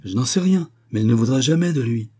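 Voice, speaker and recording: A man's voice: medium pitch, brisk, mellow, lightly acted. A man reading the part of a bold young man, speaking up earnestly and indignantly.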